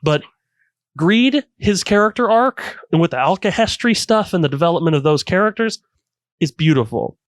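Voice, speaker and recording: A man co-hosting a casual anime podcast, retelling scenes with animated enthusiasm. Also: high voice, moderate pace, dry recording. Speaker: podcast co-host.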